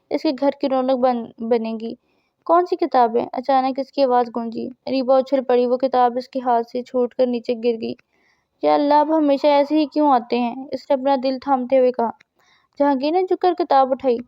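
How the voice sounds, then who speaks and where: A woman reading a romance novel aloud as narrator, in a steady storytelling manner. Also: sits high, clean tone, no echo. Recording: dull dry recording.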